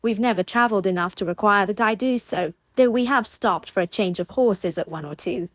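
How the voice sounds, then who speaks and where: A woman voicing a playful, teasing young gentlewoman of the gentry, a bit higher than her narrating voice. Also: a little fast, dry recording, close to an everyday voice. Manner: lively, teasing.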